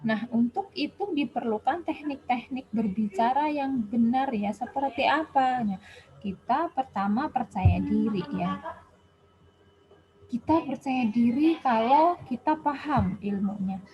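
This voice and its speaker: A woman's voice: on the high side, a little slow. Casual woman lecturer, muffled lo-fi recording. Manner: chatty, with many Javanese-flavored casual fillers. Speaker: health education lecturer.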